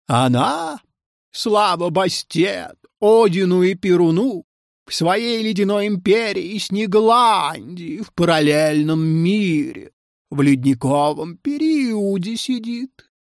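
A slow, gravelly male cat, as an audiobook reader puts him on, speaking like a pompous deputy head in pince-nez. He drawls in a melancholy, theatrical tone with lively swings, close and dry. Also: mid-range voice, no echo, pitched above the performer's own voice. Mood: measured.

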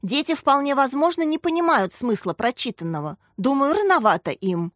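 A woman's voice: high-pitched, sing-song, moderate pace, no echo, clean studio sound, pitched above the performer's own voice. A woman voicing a prim female school psychologist who speaks in a doubtful, correcting tone. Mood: skeptical.

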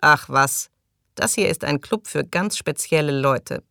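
A woman reading the lines of a coarse, sneering man in an audiobook, scornful and crude, her voice low and the sound dry. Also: lively intonation, moderate pace, creaky, dry recording. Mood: mocking.

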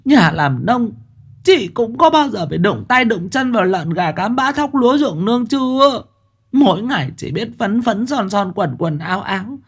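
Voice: mid-range voice, big pitch swings, slightly rough, pitched above the performer's own voice. A storyteller voicing a domineering elderly mother-in-law who berates her daughter-in-law in a shrieking tirade. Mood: furious. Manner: shrieking, rapid-fire tirade.

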